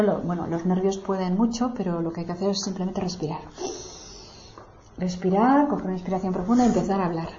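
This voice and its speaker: A woman, a meditation teacher calmly explaining to a small group seated in a circle. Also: mid-range voice, slight background noise. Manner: calm, explanatory, unhurried. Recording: roomy, dull lo-fi room recording.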